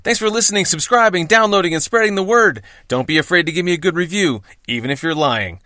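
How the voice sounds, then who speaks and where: Bright, punchy American man, podcast host. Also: sits high, fast, no echo, studio quality. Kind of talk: scripted podcast intro and outro.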